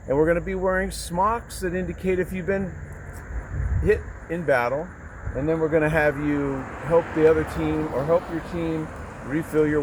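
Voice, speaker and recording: A man's voice: medium pitch, darkish tone, a little hiss or hum, poor audio. A man presenting and explaining to viewers in a folksy, direct way with rhetorical questions, speaking outdoors. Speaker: presenter of a local information show. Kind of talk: semi-scripted explanatory presentation. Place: outdoors at an open field.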